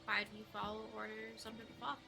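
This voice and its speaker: A woman's voice: on the high side, little pitch movement, fast talker, gravelly, over music. A woman in character in a role-play, persistent and inquisitive, with a formal way of asking questions.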